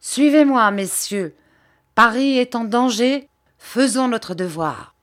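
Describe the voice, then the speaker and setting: An urgent, commanding police prefect barks orders and rallies his men, as a woman reads him aloud. The delivery is slow and deliberate, rising in pitch and volume on each exclamation. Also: animated. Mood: rousing.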